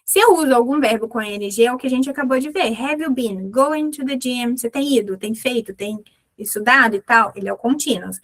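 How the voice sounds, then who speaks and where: A Brazilian woman teaching an English lesson, explaining in a clear instructive way and repeating English words slowly for practice. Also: fairly high pitch. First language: Portuguese.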